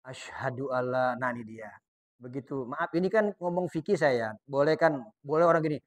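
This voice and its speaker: A man teaching a dawn study session at a mosque, asking questions and answering them himself, and reciting prayer phrases slowly and softly. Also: mid-range voice.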